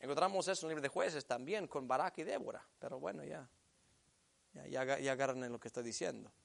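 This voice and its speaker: A man preaching a sermon, reading scripture aloud and urging his listeners, swinging from loud exhortation to quiet asides. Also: mid-range voice, fast talker, creaky.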